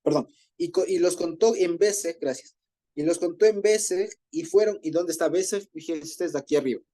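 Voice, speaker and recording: A man with a high, dark-toned voice speaks briskly while leading an informal group Bible study. He explains Hebrew words conversationally and often rephrases himself.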